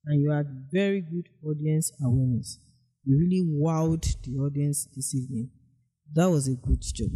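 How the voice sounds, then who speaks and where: A man with a husky voice, giving a formal, deliberate, elocutionary critique as a contest judge. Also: fairly high pitch, warm tone, rough recording.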